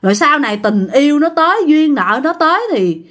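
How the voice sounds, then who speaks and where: A woman narrates a family ghost story in a chatty, direct way. Her voice sits notably high, with a loose, conversational rhythm and frequent asides to listeners. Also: animated, fairly quick, fairly bright tone.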